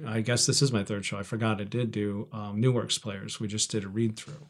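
A middle-aged community theater actor, guesting on a radio show in the studio, chats casually about his stage acting and laughs often. His voice is fairly low and flat, and he speaks fairly quickly.

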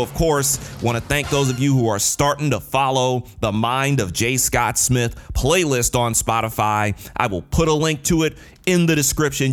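Emphatic male podcast host over music. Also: medium pitch. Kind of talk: energetic solo podcast talk.

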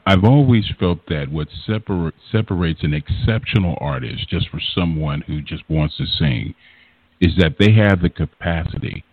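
Man, host, very deep voice, dry, phone-line sound, earnest long questions. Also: husky, dry recording. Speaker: interview host. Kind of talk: interview questions.

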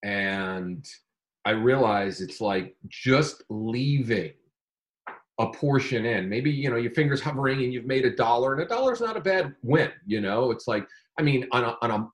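A man talking casually about his day trading, animated and rambling, with frequent restarts. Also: medium pitch. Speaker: day trader. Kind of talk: casual conversation.

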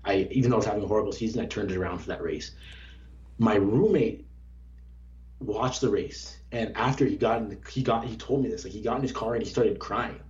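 A man's voice: lowish voice, a little fast, a little mellow. A young man, a former Olympic runner, talking earnestly and reflectively in a casual interview, often restarting his sentences. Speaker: former Olympic track athlete, guest. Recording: dull lo-fi sound.

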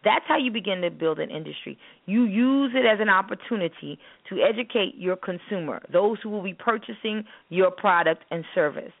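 In an opinionated talk show discussion, a spoken word artist who co-hosts a business show makes her points emphatically and instructively, repeating phrases for emphasis. Her medium-pitched voice is expressive and creaky, at a normal speed with few pauses and no room sound, over a muffled, narrowband phone line.

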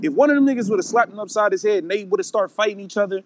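A man's voice: sits high, racing, noisy background. A man with a Baltimore accent talking casually and emphatically in slang during a group discussion. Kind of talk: casual group discussion of a battle rap event.

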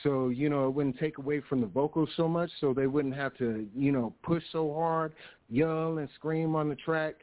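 A man's voice: a little high, fairly even intonation, moderate pace. American man critiquing music, tinny phone line. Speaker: panelist on a music review radio show.

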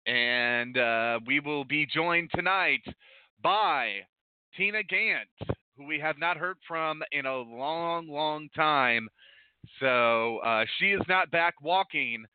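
A man's voice: a little high, lively intonation, slow, clean tone, no echo. A man hosting a live internet wrestling radio show as its presenter. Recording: dull, muffled lo-fi audio.

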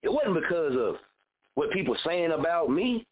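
This thirty-something radio host pitches a blunt, fired-up pep talk, repeating himself and swearing throughout. He speaks at a moderate pace with a fairly high, very animated voice, heard through phone-like narrow audio.

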